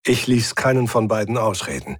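Casting: male narrator for a sci-fi audio story, husky, wry first-person delivery, dry close sound. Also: fairly low pitch, very animated, normal speed, dry recording. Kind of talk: scripted audio drama narration.

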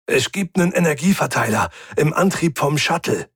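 A man voicing a hot-tempered furry male engineer who growls and shouts in a higher, strained voice. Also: animated, moderate pace, slightly rough, heavily acted. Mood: gruff, harried.

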